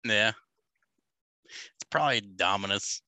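A man with a low but bright, forceful voice co-hosts a sports podcast. He chats casually and tosses in dry jokes. The recording is dry and close. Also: slow pace, no echo. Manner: wisecracking, dry asides. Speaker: podcast co-host.

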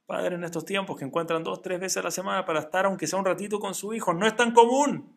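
A man's voice: sits high, fairly even intonation, fast talker, creaky. A man voicing a visiting stranger who lavishes praise on a father. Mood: admiring. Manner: effusive, emphatic praise. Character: admiring visitor man, effusive.

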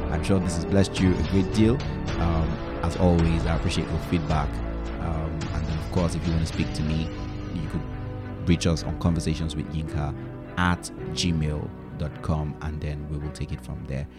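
A man's voice: a bass voice, level tone, moderate pace, gravelly, over loud music. A man hosting a solo podcast, talking earnestly and giving advice, often checking in with "right?" and "you know". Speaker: podcast host.

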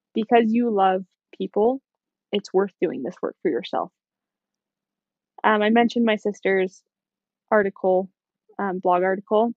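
A woman's voice: medium pitch, no room sound, phone-quality sound. A young woman hosting a podcast, talking in an earnest, encouraging, casual way and laughing now and then. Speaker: podcast host. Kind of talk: casual self-help podcast talk.

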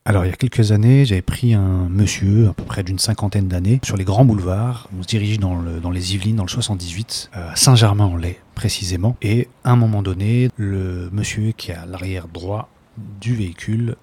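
A man's voice: on the low side, a little fast, mellow, slight background noise. A man who drives a taxi, casually telling stories from his rides and acting out the dialogue. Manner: retells events acting out the dialogue. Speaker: Parisian taxi driver and podcast host. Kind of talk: casual storytelling.

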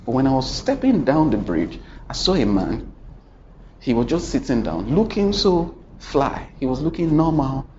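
Brief: animated male preacher, lively pitch, sermon style, muffled recording with faint room ambience. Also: normal speed, a little hiss or hum. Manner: dramatic, swings from loud to hushed, asks the congregation questions.

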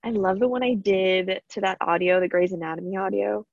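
A woman's voice: medium pitch, a little fast, gravelly, dry recording. Bubbly chatty woman on a podcast, kinda dull dry sound. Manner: bubbly, chatty, many fillers. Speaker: guest. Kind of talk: casual interview chat.

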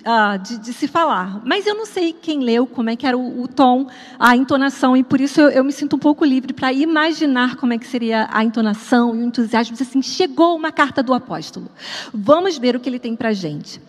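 A woman's voice: high voice, in a large hall. A woman with a Brazilian Portuguese accent preaching a sermon, talking to the congregation directly in a conversational, storytelling way. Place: church sanctuary at an evening service.

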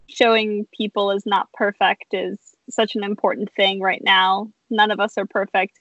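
A woman talking earnestly as a podcast guest, thoughtful and pausing on fillers. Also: medium pitch, fairly bright tone, dry recording, muffled recording. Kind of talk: casual chat.

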